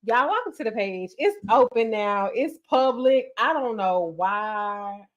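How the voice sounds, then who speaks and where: A woman in her 30s from North Carolina, US, hosts a podcast on a livestream, chatting in a casual, animated way and calling her listeners y'all. Her voice is fairly high and a little slow, and the sound is lo-fi.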